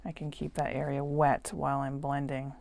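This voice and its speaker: A middle-aged woman, hoarse and losing her voice, chatting casually as she narrates each step of a watercolor painting tutorial in real time. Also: rumbling low, monotone, moderate pace, darkish tone, no room sound. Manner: chatty, self-narrating while painting, drops to near whisper at times. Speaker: watercolor art instructor.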